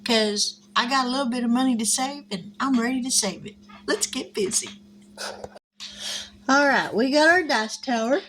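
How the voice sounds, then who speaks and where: A woman's voice: a little high, normal speed, fairly bright tone, slight background noise. A woman, chatting casually at home as host of her savings channel, folksy and friendly with her viewers. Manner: chatty, folksy, says y'all. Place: at home, indoors.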